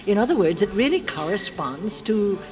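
Very old woman, hesitant, lively pitch. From United States. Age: elderly, very old. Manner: hesitant, halting old lady, losing her thread at times. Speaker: interviewee, friend of the writer discussed. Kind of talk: reflective literary interview. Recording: clearly noisy archive interview recording.

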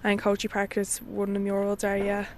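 A woman's voice: mid-range voice, monotone, quick pace. A woman with a Dublin Irish accent, giving a casual interview as a community volunteer.

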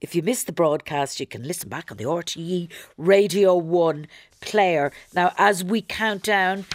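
An Irish woman presents radio in a conversational way. Her voice is on the low side, and the studio sound is very dry. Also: a little slow, dry recording.

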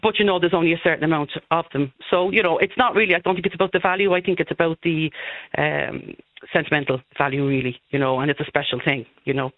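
A woman's voice: low voice, quick pace. A woman in her fifties with an Irish accent, casually recalling personal memories as an interview guest and often repeating phrases. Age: 50s. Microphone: phone. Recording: thin, roomy phone-line sound.

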